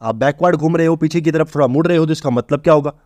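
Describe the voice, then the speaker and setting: A man's voice: a little high, rapid-fire, darkish tone, no echo. A man teaching English vocabulary for exams in a casual way, asking questions and answering them himself. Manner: explains step by step, asks and answers own questions; informal, addresses students as bhai. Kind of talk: exam-prep vocabulary lesson.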